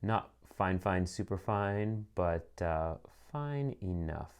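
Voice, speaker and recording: A man with a very low voice talks his way through an unboxing at an easy, chatty pace. He fills pauses with ums and throws in dry, sarcastic asides. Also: animated, smooth. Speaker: pen reviewer. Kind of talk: casual unboxing review.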